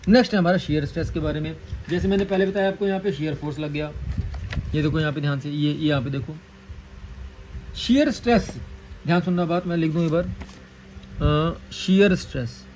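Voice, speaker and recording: High-voiced man teaching a lesson. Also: steady tone, a little mellow, a little hiss or hum, low-quality recording. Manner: repeats key terms, slow dictation of formulas. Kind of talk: classroom lecture on engineering.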